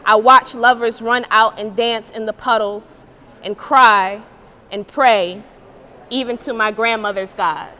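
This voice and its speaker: Slow, deliberate female spoken-word poet. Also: a little high, fairly even intonation, sharp tone, a little hiss or hum. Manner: measured, deliberate recitation. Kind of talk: spoken-word poetry performance. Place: art gallery event, indoors.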